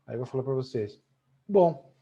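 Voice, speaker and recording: A man's voice: mid-range voice, lively intonation, moderate pace, dark tone. A middle-aged man with a Brazilian accent, teaching a chatty online language lesson and tagging almost every sentence with "né?". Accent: Brazilian Portuguese. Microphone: video call. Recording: muffled video call audio.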